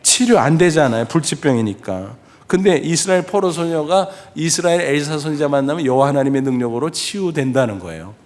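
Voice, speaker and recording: A middle-aged man preaching a sermon as pastor. He asks the congregation questions and acts out the voices he quotes. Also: fairly quick. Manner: lively preaching, speaking directly to the congregation with questions; acts out quoted voices with sudden pitch jumps.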